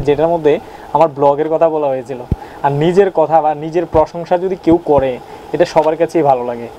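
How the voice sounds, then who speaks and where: A young man with a Chittagong Bengali accent chats in a playful vlog, his voice sitting a touch high. He teases the viewer with questions as he goes. A faint hum runs under the recording. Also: mellow, rough recording. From Chittagong region of Bangladesh. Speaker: YouTuber. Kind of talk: casual vlog about regional dialect words.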